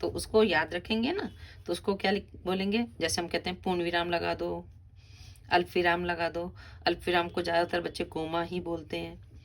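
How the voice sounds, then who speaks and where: A woman's voice: fairly low pitch, fairly even intonation, moderate pace. A middle-aged woman, a school teacher patiently explaining a grammar lesson step by step to children.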